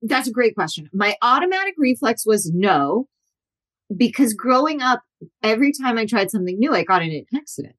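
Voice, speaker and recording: Animated woman telling stories in an interview. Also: fairly high pitch, brisk. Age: 40s. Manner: animated, acts out quotes with shifting voices. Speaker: guest. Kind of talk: storytelling interview.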